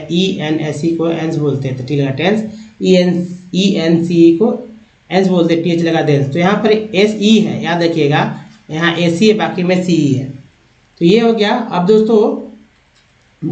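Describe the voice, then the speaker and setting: A man teaching English pronunciation, chanting letter names and the sounds they make in a quick repetitive drill. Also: on the high side, darkish tone, highs cut off. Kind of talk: spelling drill lesson. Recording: echoey room.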